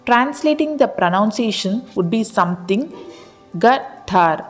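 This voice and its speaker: A woman narrating a pronunciation explainer in an even, read-aloud delivery. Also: medium pitch, moderate pace, faint music behind. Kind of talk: scripted narration of an article.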